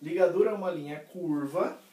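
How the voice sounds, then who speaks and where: A man's voice: on the high side, a little fast, mellow, distant mic. A man teaching music theory in a casual lesson, explaining step by step, checking in with his students and singing short examples. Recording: roomy, voice somewhat off-mic.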